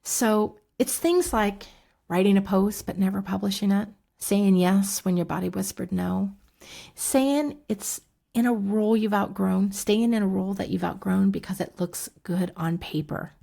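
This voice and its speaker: A somatic coach in her fifties walks through her program in a relaxed, casual way, using lots of fillers and soft asides. Her voice is medium-pitched and creaky, and she speaks a little slowly.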